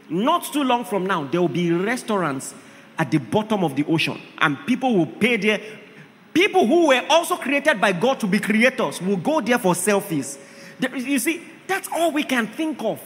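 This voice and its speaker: A man's voice: high voice, a bit bright, big-room sound, a little hiss or hum. A man preaching a sermon, emphatic, often asking the congregation rhetorical questions.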